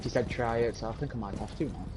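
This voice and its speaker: A man's voice: lowish voice, racing, mellow, slight background noise. A man in casual gaming banter, laughing, swearing and needling his friends.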